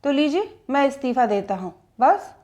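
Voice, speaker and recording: A woman's voice: high-pitched, big pitch swings, moderate pace, a little mellow. Woman voicing a cheeky young chauffeur. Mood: teasing. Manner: playful, mocking, coaxing.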